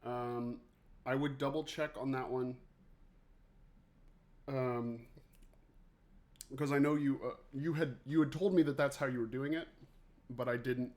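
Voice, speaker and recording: A man who teaches music, chatting casually on a livestream and joking with his students. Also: mid-range voice. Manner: chatty, joking, talks to viewers by name. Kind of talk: casual livestream office hours.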